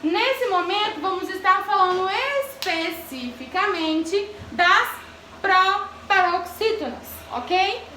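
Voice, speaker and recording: A woman's voice: extremely high pitch, takes it slowly, bright, forceful tone, slight background noise. A woman teacher giving a grammar lesson to children, asking the class questions and calling on pupils by name. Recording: echoey classroom from far off.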